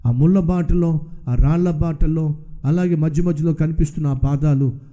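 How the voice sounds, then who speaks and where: A man voicing God as a calm, fatherly deity in a sermon story, speaking deep, slow and reassuring. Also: dull audio, lightly acted.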